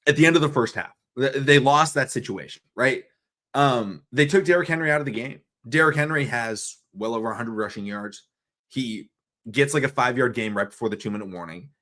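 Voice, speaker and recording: A man's voice: fairly low pitch, a bit bright. A young man ranting on a live stream, frustrated and profane, with lots of fillers and restarts. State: coughing, throat irritated. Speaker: sports fan streamer. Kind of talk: casual live-stream rant.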